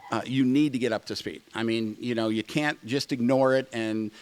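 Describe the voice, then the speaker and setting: A man's voice: medium pitch, steady tone, normal speed, dry recording. A middle-aged man hosting a podcast interview, speaking emphatically and repeating his points. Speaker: podcast host. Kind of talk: casual interview.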